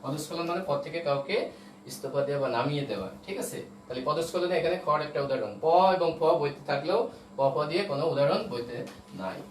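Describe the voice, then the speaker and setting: A man's voice: fairly high pitch, fast talker. A man teaching an online class, explaining step by step and often checking that his students follow. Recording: roomy echo, voice from a distance, faint noise.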